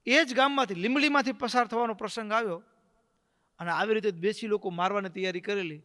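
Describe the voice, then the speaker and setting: Preacher, high voice, dramatic storytelling sermon, hall echo. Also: male voice, fast talker, bright, forceful tone. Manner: dramatic, acts out the characters' voices.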